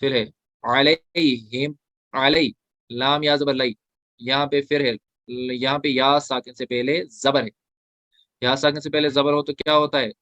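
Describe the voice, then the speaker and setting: A man teaching tajweed in an online class, explaining step by step, asking questions and answering them himself, and chanting the verses slowly between explanations. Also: mid-range voice, level tone, a bit bright, dry recording, lo-fi sound. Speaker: Quran recitation teacher.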